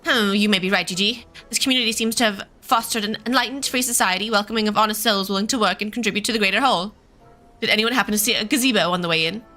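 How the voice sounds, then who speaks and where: A woman voicing a pompous, theatrical and oblivious gentleman inspector from a game, with florid phrasing. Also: medium pitch, fast talker, soft background music, natural voice. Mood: earnest, lofty.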